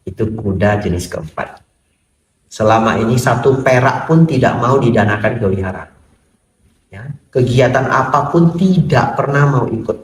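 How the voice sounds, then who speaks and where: A Buddhist monk giving a sermon to an audience, telling stories and acting out little dialogues with humor. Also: male voice, medium pitch, normal speed. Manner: lively storytelling, acts out dialogues, jokes with audience. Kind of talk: Dhamma sermon. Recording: roomy echo, distant mic, faint noise.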